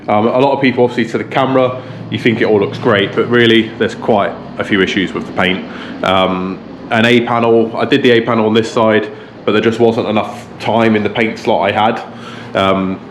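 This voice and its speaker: A man chatting casually to camera, explaining things in an informal, rambling way. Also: lowish voice. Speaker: car restoration vlogger, presenter. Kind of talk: casual vlog talk to camera. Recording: roomy echo, faint background noise.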